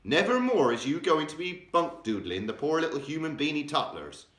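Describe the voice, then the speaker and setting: A big, excitable old giant played by a man reading aloud, his voice pushed up high and loud, tumbling over twisted grammar and invented words. The delivery swings lively and drawn out, ringing in an echoey room. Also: normal speed. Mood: explaining. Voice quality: mangled grammar and made-up words, loud exclamations.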